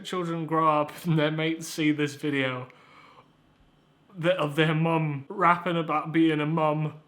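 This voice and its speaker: A man's voice: fairly high pitch, fairly bright tone. A young man hosting a comedic review, rambling and sarcastic, with stammered restarts and casual swearing. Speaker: YouTube reviewer, host. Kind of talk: casual comedic video commentary.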